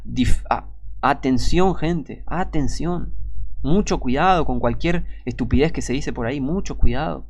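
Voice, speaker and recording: A man's voice: mid-range voice, moderate pace, hardly any pauses, a little mellow. A man with a Rioplatense Spanish accent preaching a Bible study, emphatic, repeating warnings and asking rhetorical questions. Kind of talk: Bible teaching sermon.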